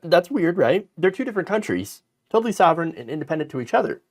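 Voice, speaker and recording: A man hosting casual political commentary, sarcastic and animated, mocking politicians with put-on quotes. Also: a little high, quick pace.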